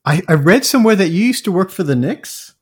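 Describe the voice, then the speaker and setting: A man hosting a casual interview and asking a guest about her cooking in a relaxed way. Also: high voice, fairly quick, breathy edge. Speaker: host.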